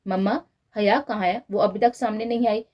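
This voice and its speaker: A woman's voice: mid-range voice, steady tone, moderate pace, a little mellow, close to an everyday voice. A woman voicing a lovesick, impatient young husband in a storybook reading, earnest and pleading. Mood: anxious.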